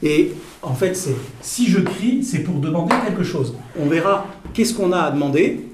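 Halting man teaching in an echoey room. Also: a little high, animated, a little mellow, recorded from a distance, a little hiss or hum. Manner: halting, many fillers and repeated words, asks the audience questions. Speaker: teacher on prayer addressing a group. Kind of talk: spoken teaching talk to an audience.

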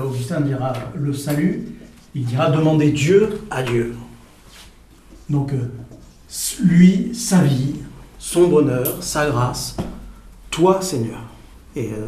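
Male speaker, teaching talk to an audience; halting, repetitive, asks questions; slightly high voice; roomy, off-mic sound with faint room noise. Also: warm tone. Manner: halting, many fillers and repeated words, asks the audience questions. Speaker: teacher on prayer addressing a group. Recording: echoey room, voice from a distance.

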